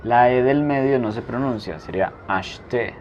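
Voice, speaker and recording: A man teaching a language lesson, asking a prompt and then saying each answer slowly twice. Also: mid-range voice, a little mellow. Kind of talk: slow spoken drill lesson. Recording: dull lo-fi recording with faint noise.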